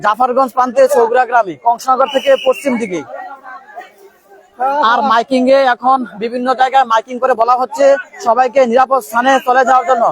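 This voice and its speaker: Very high-pitched, urgent male field reporter. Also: little pitch movement, fast talker, low-quality recording. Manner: urgent, repetitive appeals and warnings. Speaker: live reporter at a flood scene. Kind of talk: live on-the-spot flood reporting. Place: outdoors among a crowd at a riverbank. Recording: outdoor field recording with crowd noise.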